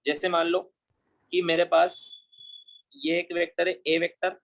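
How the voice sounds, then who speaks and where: In an unhurried, level tone, a male physics teacher lectures using a fairly high, gravelly, fairly bright voice. He works English terms into his explanations and keeps asking "understood?" to check the class is following.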